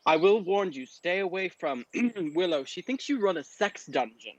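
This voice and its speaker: High lively guy goofing around as a player, muffled dry mic. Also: normal speed, over a noisy crowd. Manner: cheeky and playful. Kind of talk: tabletop game play.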